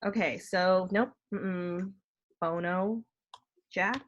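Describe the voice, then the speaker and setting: A woman's voice: on the low side, steady tone, very slow, highs cut off, slight background noise. Casual woman chatting on a video call. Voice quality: smoker's cough. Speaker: participant in an online get-together. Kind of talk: casual group video chat. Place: indoors on a computer video call.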